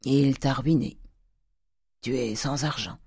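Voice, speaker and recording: A man reading the part of a miserly, scheming old man who mutters gruffly. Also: medium pitch, slow pace, a little mellow, no echo, studio quality. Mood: blunt.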